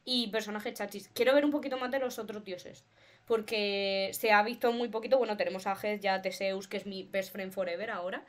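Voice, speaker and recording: A woman with an accent from Spain, co-hosting a podcast in casual chat, expressive and playful and laughing often. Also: mid-range voice, fairly quick. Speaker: podcast co-host.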